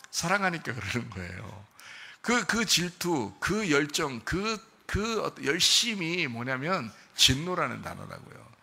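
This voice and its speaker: A man's voice: mid-range voice, vocal fry, pushed and bright. A man preaching a sermon as pastor, who keeps asking his congregation questions. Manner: asks the congregation many questions.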